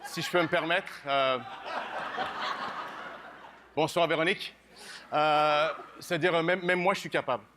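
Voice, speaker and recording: A man's voice: a little high, steady tone, measured pace, long pauses, noisy background. A man in a gala comedy bit, speaking hesitantly and with exaggerated politeness.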